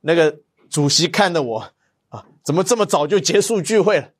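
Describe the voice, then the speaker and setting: High-voiced man telling a sermon story. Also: normal speed, breathy edge. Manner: storytelling, lively quoted dialogue. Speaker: pastor. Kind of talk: devotional sermon.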